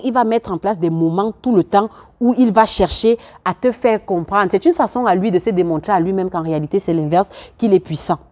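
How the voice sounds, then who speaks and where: With a mid-range, slightly mellow voice heard through dull audio, a life coach delivers a self-help video. She speaks earnestly to the viewer like a preacher, laughing between points and repeating phrases to stress them.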